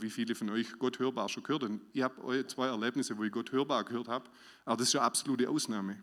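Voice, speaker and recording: A man preaching a sermon as pastor, swinging between loud emphasis and quiet asides. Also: medium pitch. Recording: hall reverb.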